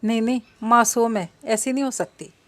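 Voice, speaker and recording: Jittery young street men, voiced by a woman narrator, wary and muttering, slightly high, dry read. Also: fairly even intonation, normal speed, fairly bright tone, no room sound, natural voice. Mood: nervous.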